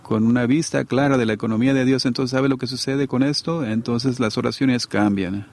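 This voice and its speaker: A middle-aged man delivers a sermon in a relaxed, conversational way and keeps checking that his listeners agree. His voice sits at an ordinary pitch and has a gravelly edge. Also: fairly quick. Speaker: preacher. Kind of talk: sermon to a congregation.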